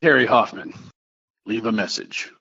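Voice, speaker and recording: An actor playing a lawyer whose curt voicemail greeting plays over a phone. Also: male voice, medium pitch, normal speed, creaky, sharp tone, slightly rough, full character voice. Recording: muffled phone line.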